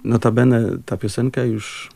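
A man with a gravelly, creaky voice talks over his composing work in a halting, thoughtful way, filling pauses with small hums. The sound is close and dry, with no room around it. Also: medium pitch, little pitch movement, dark tone, dry recording. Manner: thoughtful, halting with many fillers. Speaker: composer and musician. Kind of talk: casual interview talk.

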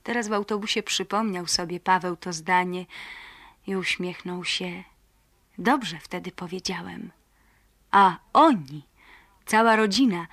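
A woman with a fairly low voice reads a literary story aloud. She narrates steadily and lifts her voice for the characters' lines. The recording is close and dry, with no room sound. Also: fairly bright tone, no echo. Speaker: reader of prose. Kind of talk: literary prose reading.

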